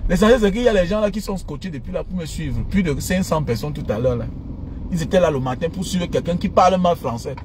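Road traffic rumbles through the car where a man in his thirties, phone held at arm's length, rants informally to followers with animated indignation and mockery. A Cameroonian French accent colors his a little high, fast speech, and his first language is an African mother tongue; he's a social media commentator.

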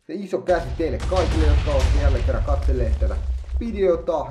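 Excitable man doing game commentary, echoey room. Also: mid-range voice. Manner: excitable, chatty, makes silly sound effects. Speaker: gaming YouTuber. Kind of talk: playful let's-play commentary.

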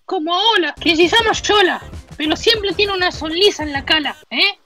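Una lata de tomate macho, presumida y solitaria, interpretada por una mujer, habla con acento argentino en un sketch cómico de recorrido por su casa. La voz es altísima y muy brillante, descarada, y cambia de la fanfarronería a la autocompasión burlona. Se oye una música suave de fondo. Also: female voice, very high-pitched, moderate pace, sharp tone, soft background music. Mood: self-pitying. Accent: Argentine Spanish. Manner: cheeky, boastful, self-pitying jokes, sudden yelps. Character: boastful lonely male talking tomato can, childish. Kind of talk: comic house-tour sketch.

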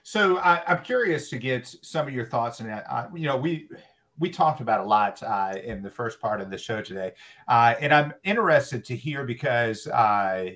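Relaxed man hosting an interview. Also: medium pitch, moderate pace. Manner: relaxed, filler-heavy, affirming. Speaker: podcast host.

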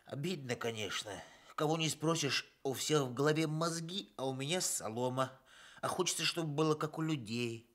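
A man's voice: on the high side, moderate pace, fairly bright tone, natural voice. An actor playing a good-natured, newly made straw scarecrow who muddles his words in a children's radio play. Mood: simple, hurt. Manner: muddles and swaps words, bumbling.

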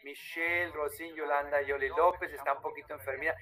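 A man teaches German in an online class over a video call, patiently drawing out each word slowly. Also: a little high, steady tone, sharp tone, rough recording.

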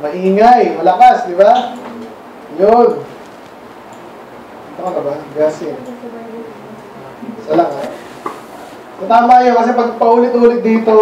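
A man from the Philippines preaches in a relaxed sermon style, his voice high but mellow in tone. He keeps turning to his listeners with questions. He is recorded from across a very reverberant church hall. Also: dull audio, slight background noise. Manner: quizzes the congregation with frequent questions. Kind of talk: conversational sermon. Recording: very echoey hall, mic far off.

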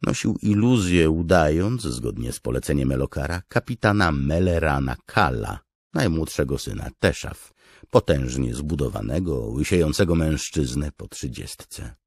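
A man narrating a fantasy audiobook in a measured, steady way. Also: rumbling low, vocal fry, breathy edge, no echo, clean studio sound.

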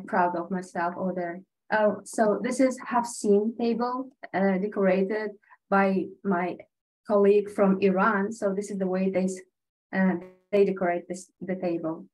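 A woman from Tajikistan, her voice medium-pitched and a little mellow, talks about her teaching exchange experience in an earnest, conversational style packed with fillers. It's an online panel presentation with slides over a video call, and the audio is poor.

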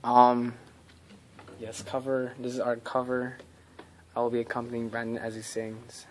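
A man's voice: mid-range voice, monotone, normal speed, a little mellow, slight background noise. A young man casually talking in a vlog, playful and loose as he introduces a song. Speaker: vlogger.

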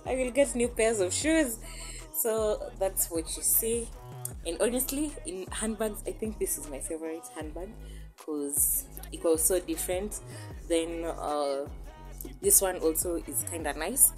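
A woman's voice: lowish voice, a little mellow. Chatty young Kenyan woman touring her home. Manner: chatty, mixes English and Swahili slang. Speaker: vlogger. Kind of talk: casual house tour. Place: small home, indoors. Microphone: phone camera held while walking.

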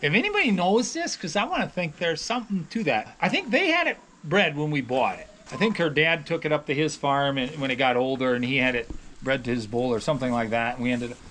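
A man's voice: fairly high pitch, expressive, fast, a bit bright, slight background noise. A middle-aged man, a dairy farmer, telling stories in a casual, rambling way, with many restarts. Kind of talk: casual storytelling. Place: on a farm, near calves.

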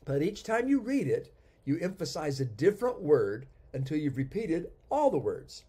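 A man's voice: on the high side, big pitch swings, normal speed, warm tone, slightly rough. A man in his sixties, a pastor giving a teaching sermon with emphatic repetition.

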